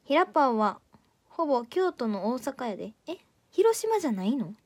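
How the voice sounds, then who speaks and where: A woman's voice: high-pitched, sing-song, normal speed, warm tone. A teenage girl with a Kansai accent, an idol audition candidate chatting casually on a livestream, playfully teasing as she reads viewer comments. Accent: Kansai Japanese.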